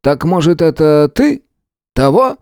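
A man's voice: fairly high pitch, very animated, measured pace, no room sound, studio quality, pitched above the performer's own voice. A man putting on a sarcastic, mocking police chief. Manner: mocking, sharp-tongued. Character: sarcastic, dismissive male police department chief. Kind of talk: audiobook character voice.

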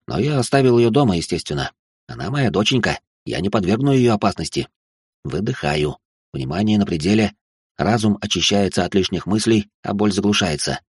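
Low, husky male storyteller. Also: lively intonation, brisk, no room sound, clean studio sound. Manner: wry, sarcastic asides. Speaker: narrator. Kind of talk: first-person audiobook narration.

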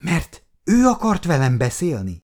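A man's voice: a little high, wildly swooping pitch, darkish tone, voice pushed up. A man voicing Jutka, a guarded young woman who sounds bitter about a boyfriend and talks curtly.

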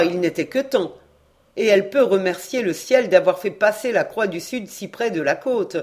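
A woman's voice: on the low side, close to an everyday voice. A woman reading a novel aloud, voicing a cheerful young sailor who tells his tale eagerly. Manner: lively, cheerful, exclaiming.

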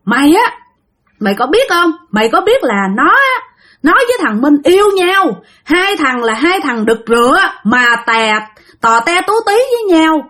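A woman voicing a furious older father who shouts and curses. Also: very animated, moderate pace. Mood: enraged. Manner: yelling, accusing, high and strained.

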